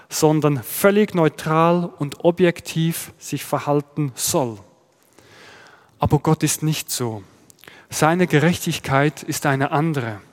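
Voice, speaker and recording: In a church-hall setting with long reverb, a Swiss pastor speaking with a Swiss German accent gives a sermon. He explains in a steady manner, puts rhetorical questions to his listeners, and his voice is a bit higher than most men's.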